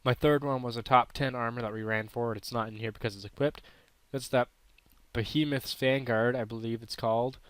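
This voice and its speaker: A man's voice: mid-range voice, steady tone, brisk, fairly bright tone, smooth, no echo. A man with a throat irritation giving casual, unsure, self-correcting commentary while playing a mobile game. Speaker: gaming channel host.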